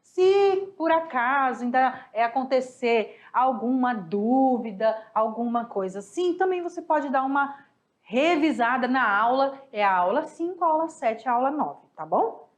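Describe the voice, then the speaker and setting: High-voiced chatty teacher woman. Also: expressive, measured pace. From Brazil. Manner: affectionate, chatty, addresses students as "galera"; explains step by step, repeats examples in pairs. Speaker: Spanish teacher. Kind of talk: recorded online review lesson.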